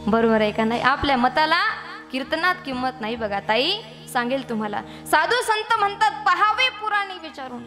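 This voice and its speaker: A woman preaching a devotional kirtan sermon, teasing her women listeners and calling for answers in lively call-and-response. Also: sits high, big-room sound.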